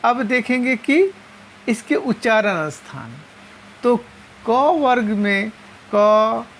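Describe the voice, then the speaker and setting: A woman teaching a lesson, explaining step by step and slowly spelling out each sound. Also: fairly high pitch, expressive, a little hiss or hum. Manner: slow and methodical, repeating and spelling out sounds.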